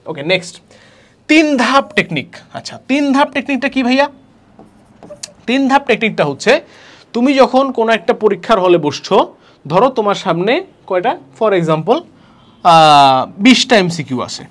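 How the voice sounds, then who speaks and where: A young male tutor with a Bangladeshi Bengali accent runs through exam tips in a video lesson. He talks fast with a lively, swooping delivery and a fairly high voice. He sprinkles in English words and keeps asking his students whether they follow. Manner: mixes English words, asks students rhetorical checks. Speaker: admission test tutor.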